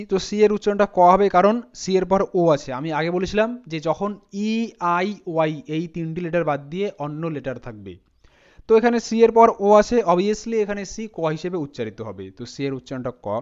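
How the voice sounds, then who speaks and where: A man's voice: high-pitched, expressive, brisk, darkish tone, clear, resonant tone, lo-fi sound. A man teaching English pronunciation as a spoken lesson, patiently spelling words out letter by letter.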